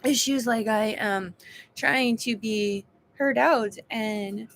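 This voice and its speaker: A woman in her thirties talks to her camera in a high voice, exasperated and exhausted. She vents in bursts, trailing off, sighing and starting her sentences over. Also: slow pace, fairly bright tone, slight background noise. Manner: venting, exasperated, restarts and sighs. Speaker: vlogger sharing a health update. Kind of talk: frustrated personal vlog.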